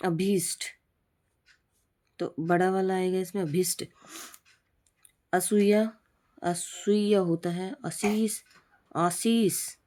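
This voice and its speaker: A woman teaching Hindi spelling for an exam, slowly repeating the wrong and the right form of each word. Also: on the low side, fairly even intonation, dark tone. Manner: slow, repetitive drilling of correct forms. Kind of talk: spelling lesson for exam prep.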